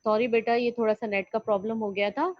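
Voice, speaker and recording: A woman's voice: a little high, steady tone. A woman teacher giving an online lesson to young children, coaxing them along by asking questions and answering them herself. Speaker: primary school teacher. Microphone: computer mic on an online class call. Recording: slightly dull lo-fi online call audio.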